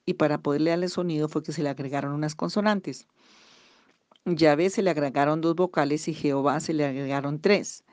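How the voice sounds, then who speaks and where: Low-voiced woman teaching the Bible. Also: a little mellow, no room sound. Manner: slow and deliberate, reads scripture aloud with pauses and hesitations. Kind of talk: recorded devotional Bible teaching.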